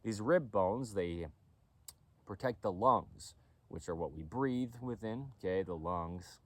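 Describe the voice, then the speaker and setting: A man's voice: lowish voice, lively intonation, takes it slowly, fairly bright tone. A man giving a casual lecture to camera on body mechanics, often stopping to ask "okay?". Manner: repetitive, keeps asking "okay?". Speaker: clothing company owner explaining anatomy.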